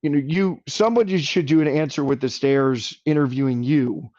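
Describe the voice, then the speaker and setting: A man's voice: fairly high pitch, normal speed, a little mellow, no room sound, highs cut off. A man speaking as a podcast guest in casual conversation, earnest and enthusiastic, rambling a little as he talks.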